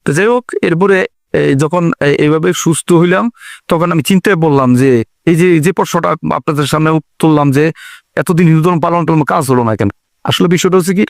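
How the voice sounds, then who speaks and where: A young man earnestly telling his own life story, pausing often with fillers. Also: fairly high pitch, dry recording, studio quality. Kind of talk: personal testimony.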